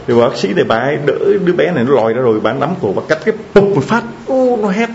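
A male preacher tells a story as a moral lesson, with a gravelly edge to his voice. His pitch leaps high and drops low as he gets caught up in the telling, often stammering over the same word. The recording is dull and lo-fi, with a faint hiss underneath. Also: lively intonation, very fast. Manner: emotional retelling with stammered repeats.

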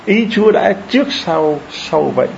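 A man preaching a sermon in a lively, joking way, often asking the congregation questions. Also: high voice, moderate pace, vocal fry, muffled recording, slight background noise. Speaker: priest.

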